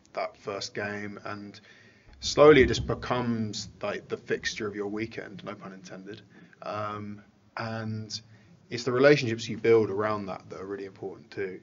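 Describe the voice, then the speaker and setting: A man's voice: fairly low pitch, fairly even intonation, moderate pace. A man chatting casually and reflectively as a football fan podcaster. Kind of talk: casual chat. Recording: slightly dull sound with faint noise.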